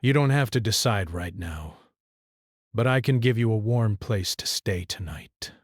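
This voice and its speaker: A man as a kind, gentle young man. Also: fairly low pitch, a little slow, slightly rough, dry recording, clean studio sound. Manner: soft, steady, reassuring.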